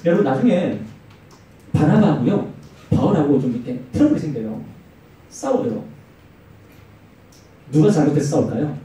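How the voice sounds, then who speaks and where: A man gives a lively youth sermon in a church hall, acting out the voices of the people in his stories. His voice is high and swings widely in pitch, with a mellow, dark tone. The mic sits far off in a very echoey room. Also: moderate pace, long pauses. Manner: animated storytelling with acted-out quotes and swinging pitch. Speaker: youth pastor.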